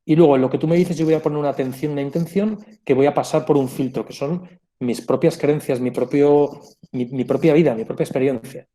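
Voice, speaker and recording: A man's voice: a little high, steady tone, fairly quick, mellow. A man giving a reflective pastoral conference talk, explaining ideas with asides and small self-corrections. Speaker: conference speaker.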